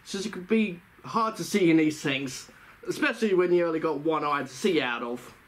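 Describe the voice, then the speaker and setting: A man's voice: fairly high pitch, normal speed. A man giving casual tips to the camera, talking through a costume head in a chatty, rambling way that often corrects itself. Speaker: fursuit vlogger.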